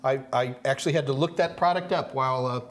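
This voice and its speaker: A man's voice: medium pitch, fast. A man from the Houston area, hosting a casual live question-and-answer stream in a folksy, joking manner. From Houston, Texas area. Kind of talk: casual livestream chat. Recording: clear background noise with hum.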